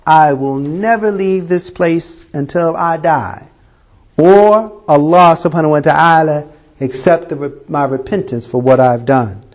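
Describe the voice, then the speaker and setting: A remorseful man from a retold story speaks low and solemnly, as a narrator puts him on. The words come heavy and subdued, pulled down by guilt. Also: unhurried, darkish tone, close to an everyday voice.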